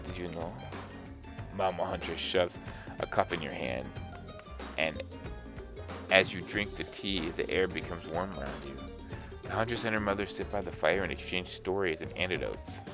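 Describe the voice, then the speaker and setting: A man's voice: deep voice, moderate pace, music in the background. A young man reading a dating game aloud, joking and doing voices as he plays. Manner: jokey, reads dialogue in voices. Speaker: gaming YouTuber.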